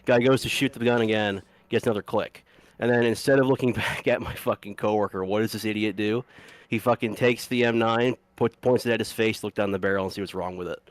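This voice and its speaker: A man's voice: on the low side, steady tone, fairly quick, no room sound. A man in casual chat while gaming, telling rambling stories, swearing freely and laughing at his own punchlines. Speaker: gamer and co-host telling stories.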